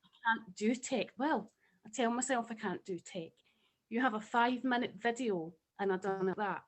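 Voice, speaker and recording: A woman's voice: on the high side, normal speed, poor audio. A woman with a Scottish accent speaking passionately and emotionally on a video call, sharing a personal testimonial. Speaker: webinar participant.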